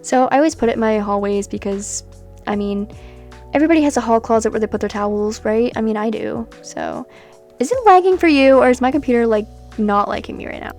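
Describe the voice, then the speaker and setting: A woman's voice: fairly high pitch, a little fast, darkish tone, faint music behind. A young woman chatting casually over gameplay, rambling and self-deprecating, with frequent laughs. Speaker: sims builder and video creator.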